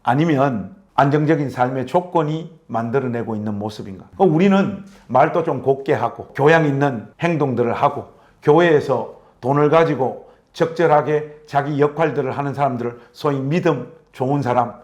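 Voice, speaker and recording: A man's voice: mid-range voice, moderate pace, darkish tone. A man who is a pastor and author, talking earnestly in a conversational interview with preacherly phrasing.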